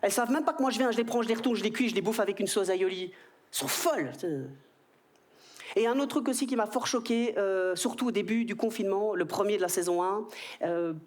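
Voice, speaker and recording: A man in his thirties with a Belgian French accent, performing an animated stand-up comedy routine on stage. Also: sits high. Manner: animated, jumps into quoted voices. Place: stage before a live audience.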